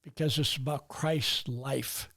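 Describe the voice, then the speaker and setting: Very old man, slow and gravelly. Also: medium pitch, fairly even intonation, a bit bright. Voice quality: very old man's voice, gravelly and husky. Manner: halting, pausing to think. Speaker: podcast guest, retired pastor. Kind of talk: reflective interview talk.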